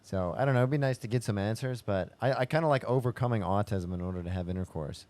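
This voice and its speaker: A man who is a regular on a comedy podcast, talking in a halting, hesitant, deadpan way. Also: lowish voice. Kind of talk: casual comedic banter.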